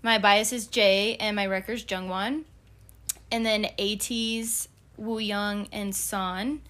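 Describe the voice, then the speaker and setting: Young woman co-host, mid-pitched, chatty and eager. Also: fairly even intonation, takes it slowly, a bit bright. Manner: chatty, listing favorites with fillers. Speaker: podcast co-host. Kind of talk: casual chat.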